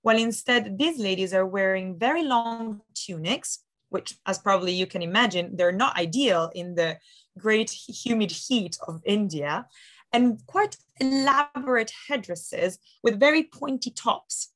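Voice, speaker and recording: Speaking over a webcam from a study at home, a woman in her thirties who works as an auction house specialist explains art in a video call interview. Her medium-pitched voice has lively intonation and an unhurried pace, full of enthusiasm and fillers.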